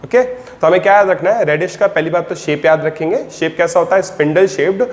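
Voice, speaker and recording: A man teaching biology in a mix of Hindi and English, asking the class short questions and answering them himself, and slowing down to dictate definitions. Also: fairly high pitch. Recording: long reverb, faint background noise.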